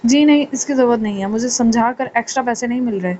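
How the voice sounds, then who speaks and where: A woman reading an audio novel, voicing a blunt, sarcastic young son with a lowered voice. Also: quick pace, a little mellow, dull audio, a little hiss or hum, close to an everyday voice. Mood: teasing.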